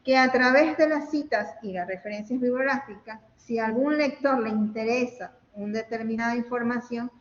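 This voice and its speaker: Female lecturer, fairly high voice, patient step-by-step delivery; long hall echo, muffled lo-fi line. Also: moderate pace, few pauses. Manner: explaining step by step, often checking with "¿ok?" and "¿no?". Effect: echoing, hall-like reverb. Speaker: university lecturer. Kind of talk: online class lecture. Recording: echoey, dull audio with faint hiss.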